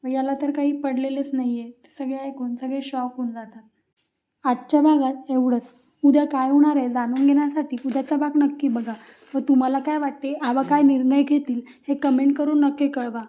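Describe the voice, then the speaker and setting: A woman reviewer narrating an episode recap in a steady read-aloud manner. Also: high voice, normal speed. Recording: tinny phone-like sound.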